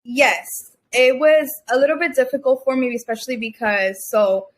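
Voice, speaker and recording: Young woman from Cuba, interview guest, a little high-pitched, chatty with lots of fillers and restarts. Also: steady tone, normal speed. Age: young adult. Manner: chatty, many fillers and restarts, laughs often. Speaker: guest entrepreneur. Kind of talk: casual interview chat.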